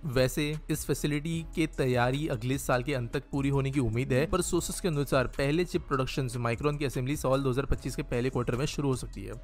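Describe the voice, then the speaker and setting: A man narrating a scripted news explainer in a steady, informative way. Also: mid-range voice, fairly quick, hardly any pauses, faint music behind.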